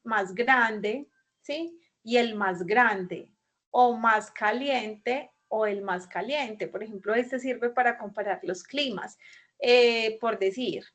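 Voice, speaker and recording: A woman's voice: a little high, slow, fairly bright tone. A Colombian woman explaining English grammar in Spanish in an online class, patiently checking in with her students as she goes. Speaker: English teacher. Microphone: video call.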